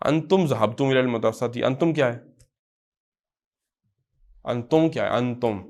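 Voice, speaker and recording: A man with a Pakistani accent teaching an Arabic grammar lecture. He sounds words out slowly, repeats them, then explains in quick asides and checks that students follow. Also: medium pitch, a little mellow. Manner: repeats phrases and checks understanding.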